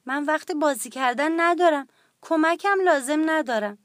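A woman doing a bright, matter-of-fact puppy. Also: sits high, no echo, studio quality, voice pushed up, close to an everyday voice. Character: young puppy, friendly but busy.

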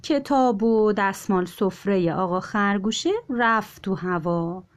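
A woman storyteller reading a children's story aloud with an expressive, rising and falling delivery. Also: medium pitch.

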